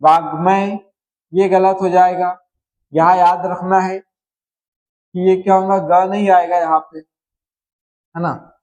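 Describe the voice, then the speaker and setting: Slow, high-voiced male grammar teacher. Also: little pitch movement, darkish tone, poor audio. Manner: explains word by word, often checks in with "है ना". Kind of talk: slow spelling-correction lesson.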